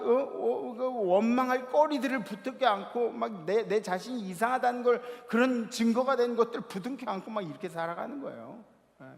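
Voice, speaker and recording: A man preaching a sermon to a youth congregation, telling stories with lively energy and acting out the shouted lines of the people in them. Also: sits high, vocal fry. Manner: animated storytelling, acting out shouted quotes. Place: church sanctuary. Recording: long hall reverb of a church.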